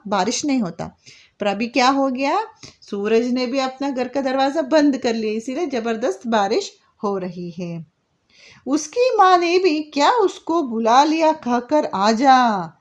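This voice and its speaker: A woman's voice: sits high, animated. A woman teacher with an Indian accent, patiently explaining a poem to young schoolchildren in simple words and repeating points often. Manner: reads poem lines slowly and sing-song. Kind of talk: classroom lesson explaining a poem to children.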